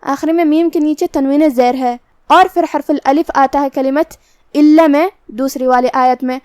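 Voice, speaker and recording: Woman tajweed teacher, high voice, close dry mic, methodical explainer. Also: steady tone, darkish tone, dry recording. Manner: slow, careful explanation of pronunciation rules. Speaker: Quran recitation teacher. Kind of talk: tajweed lesson.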